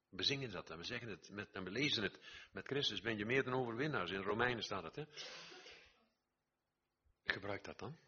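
An older man preaches an earnest sermon, his low voice husky yet forceful. He repeats phrases and builds to emphatic peaks as he exhorts his listeners. The recording is dull and lo-fi.

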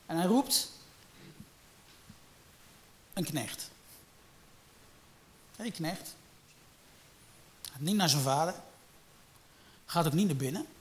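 A man preaching a sermon, swinging from loud emphatic peaks to low, quiet storytelling. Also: expressive, takes it slowly, long pauses.

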